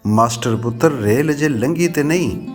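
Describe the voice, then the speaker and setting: A man reading a novel aloud, voicing an elderly, grieving village aunt who speaks quietly and with resignation. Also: medium pitch, normal speed, soft background music, natural voice. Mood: sorrowful.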